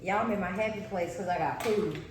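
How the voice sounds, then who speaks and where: A woman's voice: medium pitch, quick pace. A young pregnant woman chatting casually to her viewers while eating, often calling them y'all. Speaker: vlog co-host. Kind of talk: casual chat over a meal. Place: restaurant table, indoors. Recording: very echoey room, faint noise.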